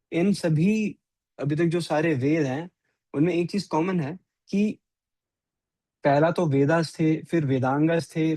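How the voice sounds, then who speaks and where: A man's voice: on the high side, a little mellow, no echo. A man with an Indian accent teaching a scripture class, mixing Hindi and English and often asking "right?".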